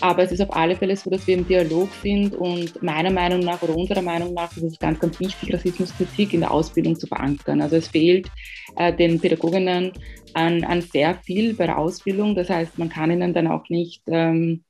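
A woman from Ghana, a guest answering interview questions in a measured, thoughtful way with frequent pauses to find words. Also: lowish voice, flat delivery, a little mellow, faint music behind. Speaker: guest, education researcher.

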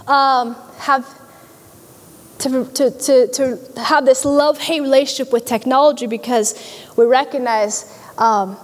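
High-voiced woman preaching in a hall. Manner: animated, repeats words, acts out quoted voices. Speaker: pastor. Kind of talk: sermon. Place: large church hall. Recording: long hall reverb.

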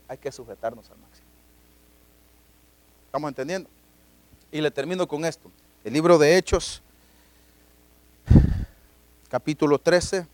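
A middle-aged man, preaching a sermon as pastor, swinging between loud, emphatic declarations and low asides.

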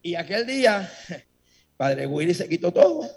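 A man giving a religious testimony to a congregation, telling his story in a lively way and speaking straight to his listeners. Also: high-pitched, measured pace, gravelly, husky.

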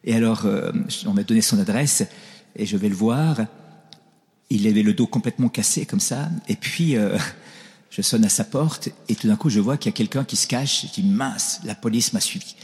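A man's voice: lowish voice, normal speed, a little mellow. Man preaching in a reverberant hall. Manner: storytelling, asks the audience "voyez-vous". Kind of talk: sermon.

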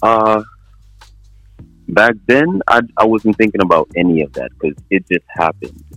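A man's voice: fairly low pitch, measured pace, fairly bright tone. A man chatting casually as an interview guest on a phone call, slangy and laid-back. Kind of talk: casual chat.

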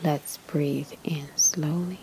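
A woman leading a guided meditation in a soft, whispery spa-like voice, soothing and measured, with pauses between short phrases. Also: sits low, steady tone, a little hiss or hum, low-quality recording.

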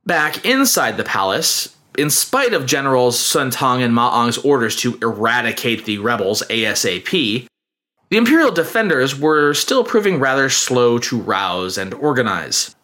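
A man hosting a scripted history podcast, telling the story at a quick clip with wry, joking asides. His intonation is animated, with wide swings of pitch, and his tone is bright and forward.

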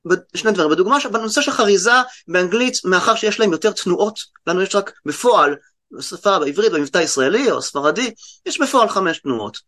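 A man with an Israeli accent explaining things conversationally as an interview guest, halting and often restarting mid-word. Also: high-pitched, fairly bright tone. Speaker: guest translator and poet.

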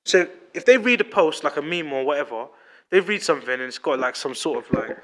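Slightly fast and on the high side, this late-twenties man hosts a podcast in a London roadman accent, his tone expressive and a bit bright. He chats casually with strong opinions, hammering points, repeating himself and leaning on slang, all over poor audio.

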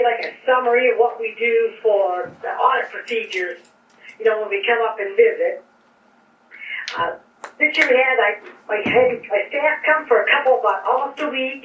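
A woman's voice: on the high side, distant mic, slight background noise. A woman auditor heard over a speakerphone, giving an informal, chatty presentation to a council, full of fillers and restarts. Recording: tinny speakerphone in an echoey room.

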